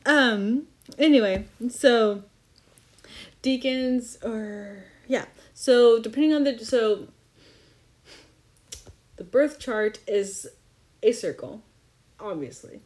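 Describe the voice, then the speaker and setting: A woman's voice: fairly high pitch, animated, takes it slowly, long pauses, darkish tone. A young woman hosting a podcast, slightly tipsy, rambling casually with lots of swearing and self-deprecating asides. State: slightly intoxicated. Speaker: podcast host. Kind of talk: casual chat.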